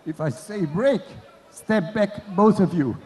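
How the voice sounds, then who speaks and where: Boxing ref guy giving orders, short commands, pretty high voice, echoey hall. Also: expressive, slow pace, warm tone. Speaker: boxing referee. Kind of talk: giving pre-fight instructions. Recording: echoing hall microphone.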